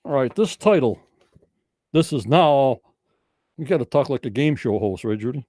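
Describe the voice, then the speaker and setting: A man's voice: medium pitch, animated, moderate pace, dark tone, no room sound, studio quality. A man hosting a casual livestream trivia night, talking in folksy, rambling game-show patter.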